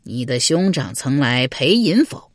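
A woman narrator voicing a suspicious, jealous middle-aged male lord in a historical novel reading, cold, sneering and deliberate. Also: a bass voice, very animated, no room sound, studio quality, pitched below the performer's own voice, exaggerated voice.

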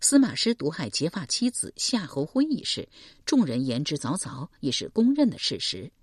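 A woman narrating a historical mystery audiobook with expressive storytelling. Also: low-pitched, moderate pace, breathy edge, no room sound, clean studio sound. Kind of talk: scripted narration.

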